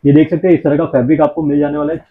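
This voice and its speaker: A man showing fabrics in a shop, giving a steady sales pitch and repeating his phrases. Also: racing. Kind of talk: showing products on camera. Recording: tinny phone-like sound.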